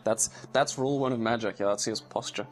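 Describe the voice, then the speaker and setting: A man's voice: mid-range voice, a little fast. A man playing through a game and commentating casually, laughing often and rambling through his explanations. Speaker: player.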